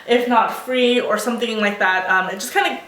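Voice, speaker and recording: A woman's voice: a little high, brisk, fairly bright tone. Young woman with a muffled, swallowed voice. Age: young adult. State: mildly sick, recovering from tonsillitis. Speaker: video blogger. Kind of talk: casual chatty vlog.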